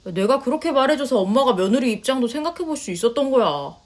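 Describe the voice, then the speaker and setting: A blunt young husband played by a woman in a narrated story, talking matter-of-factly in a lowered voice. He sounds sure of himself and brushes worries aside. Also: big pitch swings, fast. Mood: casual. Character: young adult Korean husband, blunt and self-assured. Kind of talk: storytelling voice acting.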